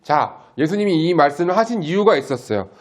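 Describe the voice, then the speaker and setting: High-voiced man preaching simply. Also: lively intonation. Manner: simple, slow-paced teaching with questions to the congregation. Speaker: pastor.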